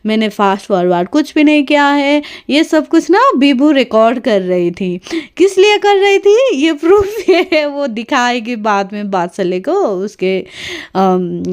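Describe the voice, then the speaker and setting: Smooth-voiced woman vlogger chatting casually. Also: fairly high pitch. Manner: chatty and reflective, laughs now and then. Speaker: mother and vlogger. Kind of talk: casual vlog chat.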